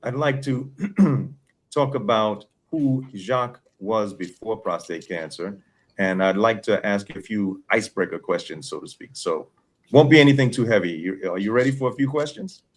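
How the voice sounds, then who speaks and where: A native New Yorker hosts a podcast, walking his guest through questions in an orderly, friendly way. His voice sits on the low side. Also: normal speed. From New York. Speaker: podcast host. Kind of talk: podcast interview.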